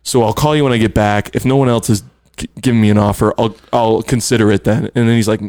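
A man spins a rambling anecdote among friends, laughing as he goes and cursing casually. His voice sits at an ordinary pitch. The sound is dry and close, with no room echo. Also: fast. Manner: animated storyteller, laughs a lot, swears. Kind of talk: casual storytelling chat.

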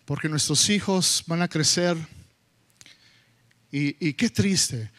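A pastor delivers his sermon slowly and deliberately, his voice sitting high for a man. He is animated, slipping into English phrases and sometimes acting out scolding his kids. It sounds like a church service. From United States. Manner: animated, acts out scolding his children in high loud bursts; slips between Spanish and English.

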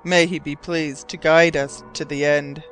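A determined sea captain speaks with grave earnestness, as a man reading the story puts him on. The voice sits fairly high for a man yet carries firm weight. Faint music plays softly behind him. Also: level tone, unhurried. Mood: earnest.

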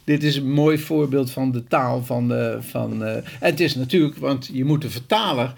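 A man's voice: mid-range voice, normal speed, gravelly. An older man, a guest on a talk show, chats hesitantly and often restarts his sentences. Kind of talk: casual chat.

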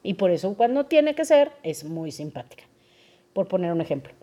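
A woman's voice: fairly low pitch, normal speed. A young woman with a Mexican accent, hosting a podcast in a casual, explaining way and often checking in with her listeners. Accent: Mexican Spanish. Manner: lively, asks listeners questions often. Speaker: podcast host.

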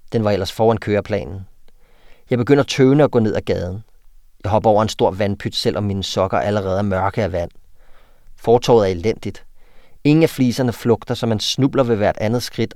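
Danish guy, lowish voice, lots of ums, reads kids' stories out loud, dry close sound. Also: dry recording. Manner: hesitant, many fillers when explaining. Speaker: writing teacher for children. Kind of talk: interview talk and reading student texts aloud.

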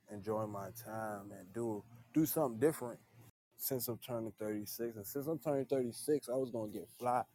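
A laid-back man in his thirties with a mellow, fairly low voice hosts a livestream, chatting casually with his viewers and repeatedly ending his lines with "man."

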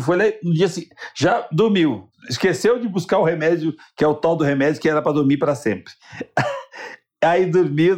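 A man's voice: on the high side, darkish tone. A Brazilian man, a motivational speaker and interview guest, telling a personal story earnestly and acting out the dialogue.

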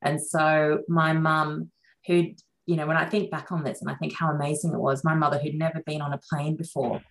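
A middle-aged woman with a notably low voice talks through a relaxed interview as a surgeon guest. Born in Sri Lanka, she speaks in a chatty, reflective way, often pausing on fillers. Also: vocal fry, rough recording.

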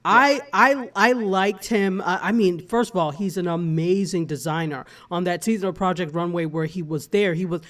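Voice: medium pitch, normal speed, few pauses, a bit bright. Chatty, enthusiastic panelist from Africa. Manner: enthusiastic, chatty, restarts words. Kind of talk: casual chat.

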